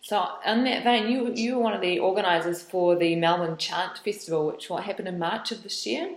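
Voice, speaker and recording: A woman interviewing a guest, asking curious, gently probing questions and affirming with soft mms. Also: fairly low pitch, a little fast, echoey room, low-quality recording.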